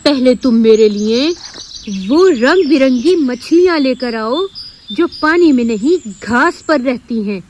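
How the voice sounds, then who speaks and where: A gruff male dinosaur from a bedtime storybook who speaks in slow, bargaining lines, as a woman narrator puts him on. Her voice stays fairly high underneath, with faint outdoor noise behind it. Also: lively intonation, a little mellow. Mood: demanding.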